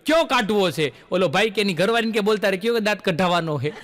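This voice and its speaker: A man's voice: sits high, lively intonation, fast, very noisy. A male stand-up comedian, telling folksy jokes and acting out the lines of his characters.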